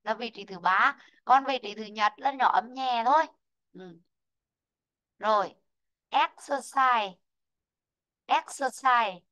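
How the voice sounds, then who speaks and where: A woman teaching an online English lesson, slowly modelling word stress and calling out students who answered right. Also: on the high side, pushed and bright, poor audio. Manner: slow, drawn-out model pronunciations of English words; calls out student names and marks answers right.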